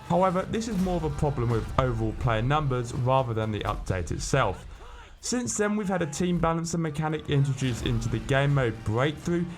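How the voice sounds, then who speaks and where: A British man narrating scripted gaming news as a host, in a colloquial, tongue-in-cheek manner. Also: fairly high pitch.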